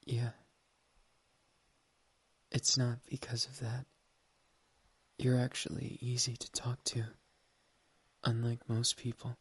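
A soft, intimate whisper right up against the mic, airy and almost voiceless, with small mouth clicks in the quiet gaps. The speaker stays on a flat, level line, affectionate and gently teasing, as in an ASMR roleplay of a doting partner. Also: medium pitch, takes it slowly, long pauses, slightly rough.

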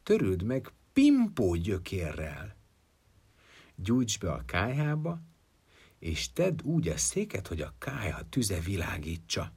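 A man voicing a thoughtful old sage giving advice in a folk tale, measured in manner. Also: lowish voice, wildly swooping pitch, gravelly, darkish tone, husky, heavily acted. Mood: advising. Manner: advising, measured. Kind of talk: storytelling.

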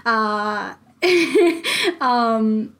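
A young woman co-hosting a podcast in relaxed, casual chat. Her voice sits a little high, and her talk is full of fillers and quick laughs. Now and then she breaks into playful imitations of other voices. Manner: chatty, many fillers, laughs often, mimics voices. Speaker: podcast co-host.

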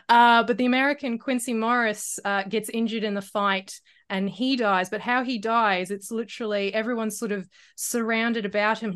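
A woman co-hosting a casual book podcast, chatty and quick to laugh, with hesitant fillers. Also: mid-range voice, fairly bright tone. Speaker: podcast co-host.

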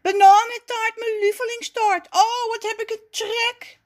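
A woman voicing an impatient, excitable young boy at his birthday party, squealing with delight in a children's story. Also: very high-pitched, a little slow, voice pushed up, heavily acted. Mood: excited.

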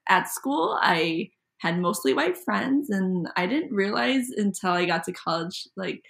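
A woman's voice: mid-range voice, animated, unhurried, creaky, fairly bright tone. A young woman from Minnesota, a middle school teacher, talking casually as an interview guest, with many ums and likes. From Minnesota, USA. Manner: chatty, many ums and likes, laughs easily.

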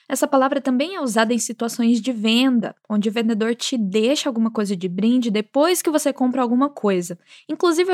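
Upbeat Brazilian woman teaching, slightly high. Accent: Brazilian Portuguese, Minas Gerais. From Minas Gerais, Brazil. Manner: slow careful modeling of phrases, upbeat and chatty asides. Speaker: Spanish teacher. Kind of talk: language lesson with repeat-after-me drills.

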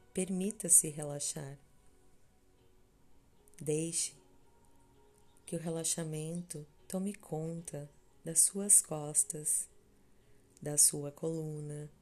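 Over background music, a Brazilian-accented woman reads a scripted guided meditation, her low, mellow voice soothing and measured. She leaves long pauses between her short phrases.

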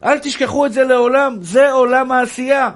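A man's voice: very high voice, steady tone, fairly bright tone. A young man, a rabbi, preaching with passion and repeatedly calling his listeners brother. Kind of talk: sermon.

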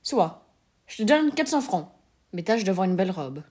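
A woman's voice: mid-range voice, very animated, moderate pace, a little mellow, husky. A woman reading as a flustered, coaxing husband. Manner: eager, stammering, coaxing. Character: flustered, eager-to-please male clerk husband.

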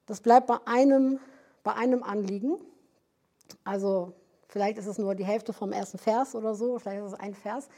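A woman's voice, a little higher than most, with a dark, mellow tone. She teaches in an explanatory way, pausing on fillers and rephrasing as she goes. It sounds like a teaching session at a prayer house. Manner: explanatory, searching for words with frequent fillers and restarts.

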